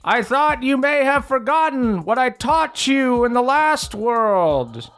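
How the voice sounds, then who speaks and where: A man's voice: extremely high pitch, big pitch swings, slow, fairly bright tone, voice pushed up, heavily acted. A man voicing an old, wrinkly male frog-creature mentor in a tabletop game, heard as a distant, far-off voice. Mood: pleased. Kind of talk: game master voicing a character.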